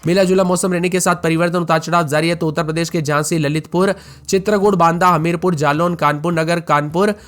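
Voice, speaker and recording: A man presenting a rapid-fire weather news update, reeling off items in list-like runs and addressing listeners as friends. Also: a little high, level tone, a bit bright. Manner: reels off long runs of items in a list-like, repetitive delivery.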